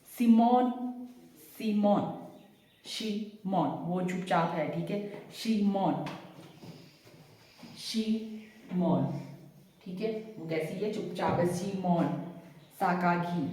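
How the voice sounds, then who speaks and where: A woman teacher, giving a classroom lecture and repeating names slowly, with a steady "okay" after each point. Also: on the low side, a little hiss or hum. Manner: repeats names slowly with memory tricks, frequent "theek hai". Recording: echoey classroom, far from mic.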